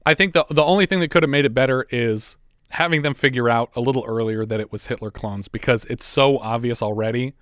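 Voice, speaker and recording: Man, podcast co-host, casual film recap, chatty asides, mid pitch, dry close sound. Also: fast talker, a bit bright, smooth, no room sound. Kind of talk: casual movie recap and chat.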